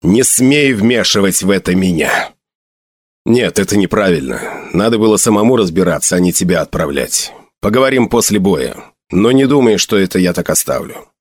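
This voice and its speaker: A man's voice: sits low, expressive, moderate pace, no echo, studio quality. A man voicing an indignant young infantry officer who reproaches a comrade. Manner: outraged, reproachful.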